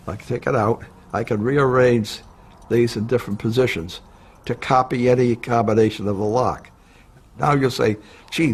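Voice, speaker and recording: A man's voice: mid-range voice, husky. A man demonstrating old lockpicks in a chatty documentary interview.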